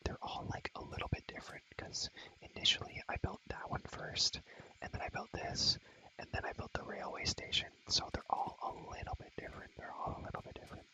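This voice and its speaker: In a breathy ASMR whisper, a young man walks through a game world, rambling casually with slang and gently repeating phrases. He talks a little fast, and the recording is rough.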